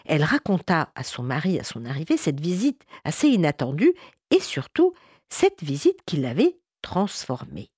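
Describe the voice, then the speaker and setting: Expressive French woman telling a tale. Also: low voice, moderate pace, slightly rough, no room sound, clean studio sound. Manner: expressive, warm storytelling with hesitation fillers. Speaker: storyteller. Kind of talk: storytelling narration.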